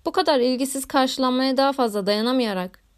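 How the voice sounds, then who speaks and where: A woman reading a classic novel aloud in a measured, literary narration. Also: high voice, clear, resonant tone. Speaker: audiobook narrator. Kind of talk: scripted narration.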